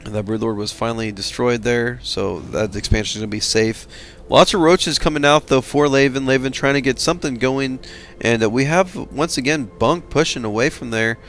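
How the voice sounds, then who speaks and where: A man giving casual commentary on a strategy game replay, tired and halting, with many fillers. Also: mid-range voice, fairly bright tone, a little hiss or hum. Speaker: game caster.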